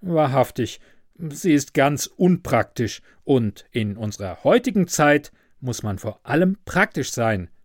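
A man voicing an impulsive, self-absorbed young student in a fairy tale, with loud, excited exclamations. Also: mid-range voice, a little slow, no echo, clean studio sound. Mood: sulky.

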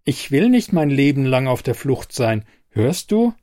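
A man voicing a frightened, defiant young woman in an audiobook, raising his voice high and pleading. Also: very animated, a little slow, warm tone. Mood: upset.

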